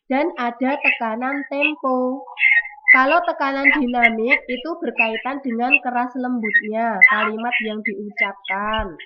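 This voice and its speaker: A woman teacher giving an online class lesson over a video call, explaining slowly and repeating key terms. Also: a little high. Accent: Indonesian. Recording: dull lo-fi audio with clear noise.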